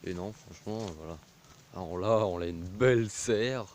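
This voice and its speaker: A man's voice: low voice, normal speed, a little mellow. A man vlogging while walking a country path, talking into a phone on a pole, hesitant and full of fillers. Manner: hesitant, full of fillers and trailing "voilà, hein". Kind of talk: rambling outdoor vlog. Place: outdoors on a country path in a village. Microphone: phone on a pole held while walking. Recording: faint rural outdoor noise.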